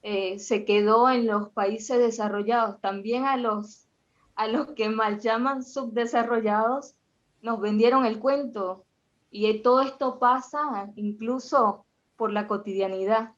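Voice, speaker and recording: A Venezuelan woman in her forties, an accountant in the audience, offers a conversational comment in a Venezuelan Spanish accent. Her delivery is measured and hesitant, full of fillers, with a fairly high pitch and a steady tone. The recording has its highs cut off.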